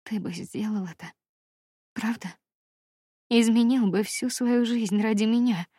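A woman reading the part of a tearful young woman in love, with a trembling, breathy delivery. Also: medium pitch, moderate pace, no echo, clean studio sound. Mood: tender. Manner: trembling, breathy whisper rising to earnest.

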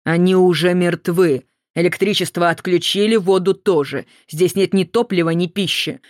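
A reader voicing a brutal male camp guard who shouts orders and mocks the prisoners, in an audiobook. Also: mid-range voice, fairly even intonation, moderate pace, no echo, clean studio sound, natural voice. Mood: menacing. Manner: loud, barking orders, mocking.

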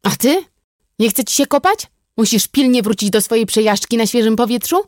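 A woman reading as a gruff, commanding older brother. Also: fairly low pitch, brisk, dry recording, studio quality, lightly acted. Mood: cold, firm. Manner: shouting, then hard and clipped. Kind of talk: audiobook reading.

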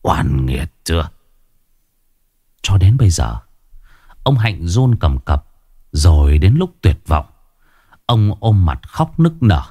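Deep-voiced man narrating a dramatic tale. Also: slow pace, long pauses, slightly rough, no echo, studio quality. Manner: dramatic, expressive storytelling. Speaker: storyteller. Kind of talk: scripted story narration. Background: faint music.

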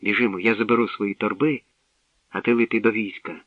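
A man voicing a lively young girl who poses as a boy guide, speaking briskly and cheerfully, in a tinny, distant radio recording. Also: on the low side, no room sound, close to an everyday voice.

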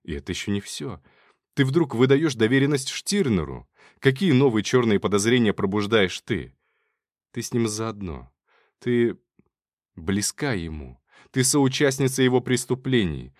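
A man reads the part of a jealous young lover, agitated and reproachful, whose voice sits on the low side. The sound is dry and close, with no room around it. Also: animated, normal speed, hardly any pauses, no room sound, lightly acted. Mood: accusing. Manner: agitated, reproachful, breaking into hysterical laughter. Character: jealous, distraught young man accusing his beloved. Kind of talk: audiobook character reading.

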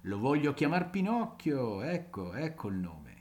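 A man's voice: medium pitch, sing-song, a little slow, a little mellow, slight background noise. A man voicing a poor, fretful and tender old woodcarver in a storybook reading. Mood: musing. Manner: muttering, scolding, then sorrowful.

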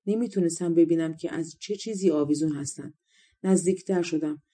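A woman narrating a fairy tale audiobook, reading calmly and voicing each character in turn. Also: low voice. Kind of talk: storybook narration.

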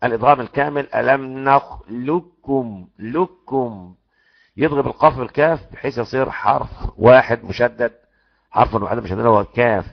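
A man's voice: medium pitch, a little fast, creaky. A man with an Egyptian Arabic accent teaching Quran recitation rules in a lecture, drilling the sounds aloud and asking his students questions. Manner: animated, demonstrates sounds repeatedly, asks the class questions. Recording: muffled lo-fi recording.

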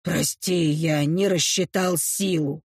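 A woman voicing a young male orc, speaking low and subdued with remorse, in an audiobook reading. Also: steady tone, slow pace, breathy edge, dry recording, studio quality, exaggerated voice. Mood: remorseful. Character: young male orc, gruff yet apologetic. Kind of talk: audiobook character voice.

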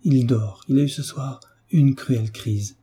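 A man reading the lines of an anxious young mother in a gentle, urgent tone, with a husky voice. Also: medium pitch, fairly quick. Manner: soft, urgent pleading.

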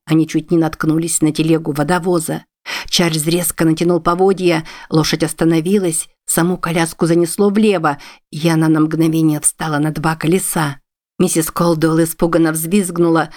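A woman narrating a novel aloud in a steady, measured storytelling manner. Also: deep voice. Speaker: audiobook narrator.

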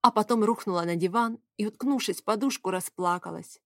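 Expressive woman reading a novel aloud. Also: medium pitch, a little fast, no room sound, studio quality. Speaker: audiobook narrator. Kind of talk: first-person novel narration.

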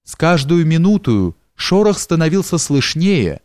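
A man narrating a historical novel in a steady, measured reading. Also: on the high side, dry recording, studio quality. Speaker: audiobook narrator.

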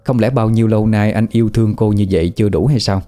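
Mellow-voiced male story narrator. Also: on the low side, steady tone, fast, soft background music. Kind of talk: scripted narration of a ghost story.

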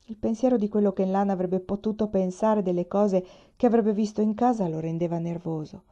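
A woman reading a novel aloud in a steady, measured way. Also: mid-range voice, faint music behind. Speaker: audiobook reader. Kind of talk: scripted narration of a novel. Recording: dull lo-fi recording.

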